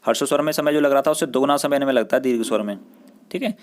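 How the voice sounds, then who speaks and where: Male school teacher, mid-pitched voice, patient, repeats and drawls out sounds for pupils. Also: very fast. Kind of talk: recorded classroom grammar lesson.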